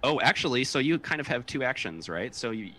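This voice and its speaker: A man acting as game master, explaining rules and narrating the action in a casual, halting way. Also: medium pitch, sing-song, a bit bright, poor audio.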